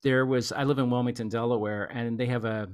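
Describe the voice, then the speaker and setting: A man's voice: mid-range voice, fairly even intonation, brisk, clear, resonant tone. Rambling, enthusiastic male podcast host. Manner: rambling and enthusiastic, heavy use of "you know". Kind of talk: casual podcast chat.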